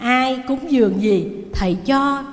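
A woman voicing a calm wise old master. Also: high-pitched, measured pace, soft background music. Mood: gentle. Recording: long hall reverb.

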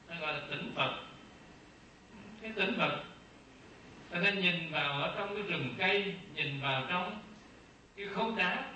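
A man, a Buddhist monk, giving a slow dharma talk, repeating phrases and posing rhetorical questions to his listeners. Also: a little high, sharp tone, slight background noise. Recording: very echoey distant room sound, faint ambience.

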